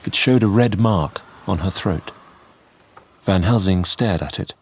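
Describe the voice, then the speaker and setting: An actor playing a sombre Victorian doctor who narrates a radio drama in a measured, confiding way. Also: male voice, sits low, slightly rough, full character voice.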